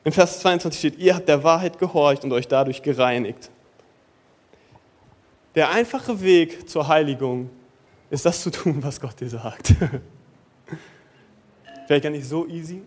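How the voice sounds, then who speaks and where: A young man preaching a sermon in a casual, youthful way, dropping in English slang and moving between lively bursts and soft, slow passages. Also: fairly high pitch. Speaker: pastor.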